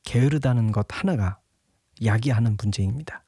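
A man's voice: fairly low pitch, moderate pace, dark tone, breathy edge, no room sound, clean studio sound. A young man giving a casual devotional Bible talk, chatty and laughing often, at times acting out a scolding father.

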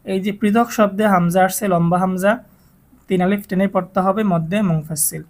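A man with a Bangladeshi Bengali accent teaching Quran reading, who spells out letters and vowel marks and then draws out whole words slowly. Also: sits high, fairly even intonation.

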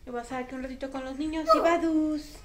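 A woman's voice: high-pitched, fairly even intonation, quick pace, fairly bright tone, faint music behind. A young Mexican woman with a Mexican accent, vlogging in a chatty, casual way and repeating phrases for emphasis. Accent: Mexican Spanish. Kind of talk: casual vlog chat.

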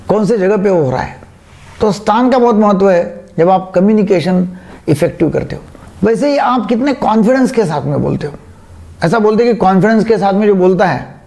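A middle-aged man talks through his points like a friendly doctor addressing viewers. His voice sits high and carries a rough, gravelly edge. He leans on everyday examples to make each point land. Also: darkish tone. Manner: conversational explaining, with homely jokes and examples. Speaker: doctor giving a talk. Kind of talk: informal lecture to camera.

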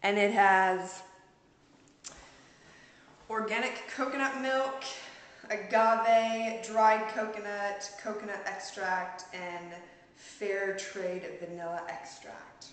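A woman's voice: mid-range voice, steady tone, takes it slowly. A woman in her thirties hosting a casual home cooking video, chatty and giggly, filmed on a camera mic in a large home kitchen. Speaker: cooking vlog host. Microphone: camera mic across the room. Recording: echoey kitchen with hiss.

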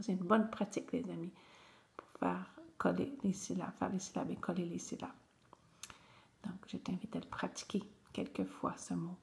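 A woman's voice: on the low side, vocal fry. A woman teacher, patiently guiding young children through a reading lesson and repeating each word several times.

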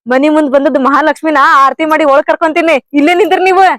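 A woman voicing a quick-tongued, nagging village wife in a cartoon comedy, scolding with a North Karnataka Kannada accent and rapid rhetorical questions. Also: high-pitched, fairly even intonation, no echo, clean studio sound, lightly acted. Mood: delighted.

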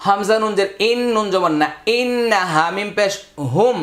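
A man teaching Quran reading, spelling out syllables one by one and then drawing whole words out slowly. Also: high-pitched, fairly bright tone. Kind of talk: slow letter-by-letter spelling lesson.

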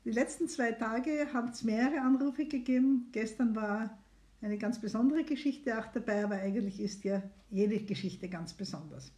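A woman's voice: a little high, normal speed, mellow. A middle-aged woman doctor, hosting a live phone consultation stream in a chatty, encouraging way. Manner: chatty and encouraging, inviting viewers to call. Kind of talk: casual live stream talk.

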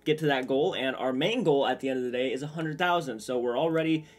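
A man's voice: mid-range voice, fast talker. A young man hosting a trailer reaction video, talking casually in a rambling, chatty way from a small room full of horror collectibles. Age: young adult. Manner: rambling, chatty, lots of restarts and fillers. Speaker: trailer reaction channel host.

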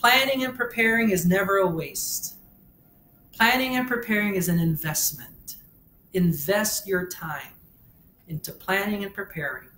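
A man's voice: sits high, a bit bright, a little hiss or hum. A man in his thirties with a Filipino accent, giving a teaching sermon at a pulpit, switching between languages, repeating key phrases and asking questions. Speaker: pastor. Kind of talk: bilingual church teaching sermon. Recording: echoey room.

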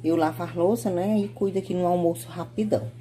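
A woman's voice: fairly low pitch, steady tone, fast, noisy background. A woman chatting casually to her viewers in a home vlog, talking often and directly to the people watching. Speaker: mother vlogger. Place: family home.

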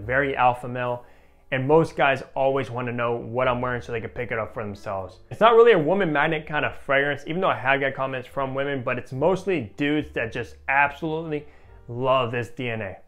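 A young man in his twenties casually reviewing a fragrance, animated and enthusiastic, with a lot of "like" fillers, on a clip-on mic. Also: a little high. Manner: animated and enthusiastic, many "like" fillers, gestures with a test strip. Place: room with shelves of perfume bottles. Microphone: small clip-on mic on shirt.

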